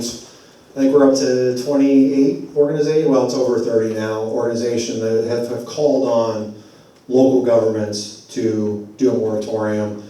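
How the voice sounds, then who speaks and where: Man, mellow voice, conversational public talk, slightly worn voice, distant mic, big echoey hall. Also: mid-range voice. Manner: conversational, loose and digressive. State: losing his voice. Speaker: advocacy group speaker at a community forum. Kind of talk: public address at a community meeting. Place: church meeting hall.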